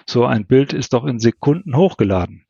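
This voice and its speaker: Ein Mann, der ein zweifelndes, abwinkendes Teenager-Mädchen liest. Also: male voice, mid-range voice, expressive, a little fast, vocal fry, dark tone, husky, dry recording, muffled recording. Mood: doubtful. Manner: dismissive. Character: doubtful teenage girl, his sister.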